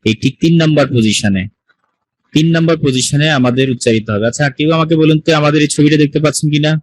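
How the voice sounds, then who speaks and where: A Sanskrit teacher runs an online language class over a video call, talking quickly in a fairly high voice as he patiently explains each step and quizzes his students. The low-quality recording comes through a computer mic with no room sound.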